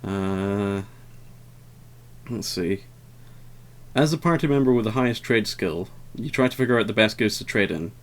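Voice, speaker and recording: A man's voice: lowish voice, normal speed, pauses often. A man giving casual, rambling gameplay commentary, hesitant and full of fillers, with a wry, self-deprecating manner. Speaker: let's player.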